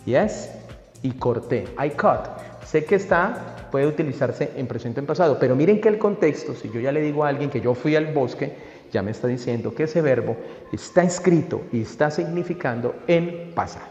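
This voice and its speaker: A man explains English grammar to a class with an animated, fairly high-pitched voice, often pausing to check that his students follow. The room is echoey and the reverb lingers, with faint music playing underneath. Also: highs cut off. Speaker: English teacher.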